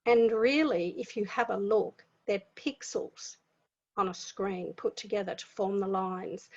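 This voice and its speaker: A woman's voice: medium pitch, measured pace, a little mellow. Woman teaching, dull lo-fi recording. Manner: conversational, repeats phrases for emphasis. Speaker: spiritual teacher. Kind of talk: spiritual teaching talk. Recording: dull lo-fi sound.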